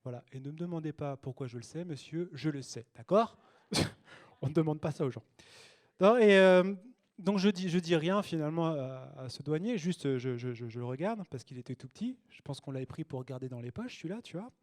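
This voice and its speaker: A man's voice: a little high, expressive, fairly quick, darkish tone. Cheeky young man doing stand-up. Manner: cheeky, chatty, loose delivery with fillers. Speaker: stand-up comedian. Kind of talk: stand-up routine. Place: small cabaret stage with a live audience.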